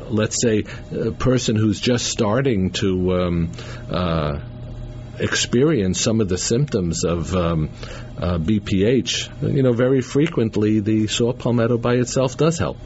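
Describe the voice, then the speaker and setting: Lo-fi radio tape of a low-voiced man. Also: darkish tone. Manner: halting, with many fillers and restarts. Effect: taped off the radio. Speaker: radio show host. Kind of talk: casual on-air talk with a caller. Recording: lo-fi radio tape with faint hiss.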